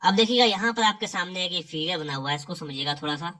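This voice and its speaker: A man's voice: high voice, animated, fast talker, sharp tone, recorded from a distance. A man teaching an exam-prep lesson who keeps quizzing his students and saying "theek hai" after each point. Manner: quizzes the listener, repeats "ठीक है".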